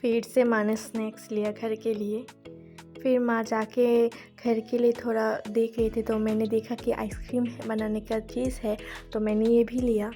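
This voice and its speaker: Soft-spoken woman vlogging over music. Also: on the high side, level tone, measured pace. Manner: chatty, strings sentences with "so". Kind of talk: casual vlog narration.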